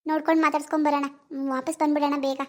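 A performer voicing a kind, forgiving young daughter-in-law in an animated family drama. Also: high voice, very fast, natural voice. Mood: earnest. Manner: eager and earnest.

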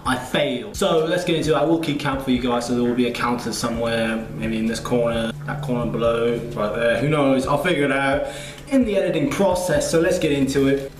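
A man's voice: medium pitch, fairly even intonation, a little fast. A young man chatting casually to the camera as a vlogger. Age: young adult. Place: small apartment living room, indoors. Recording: roomy echo.

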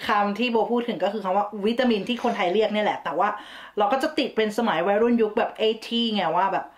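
In her vlog, a woman from Thailand speaks fast at medium pitch, casually explaining words. She's chatty, blends English words into her speech, and breaks into giggly asides.

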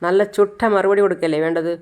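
A narrator voicing a young man who calmly reasons and reassures. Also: mid-range voice, fast, clear, resonant tone, lightly acted. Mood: reasoning. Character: young man defending a friend, calm and firm.

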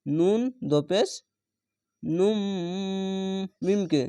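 A man teaching Quran reading, spelling out each syllable and then stretching the whole word slowly. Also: on the high side, a little mellow, no echo. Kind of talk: step-by-step spelling lesson.

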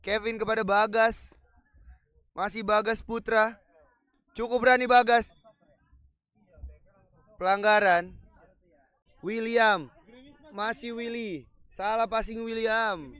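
A man commentates a football match in a high, clean voice. He draws out his words unhurriedly and repeats names and goal shouts in excited, touchdown-style calls. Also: slow, pauses often, smooth, no echo. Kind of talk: live play-by-play sports commentary.

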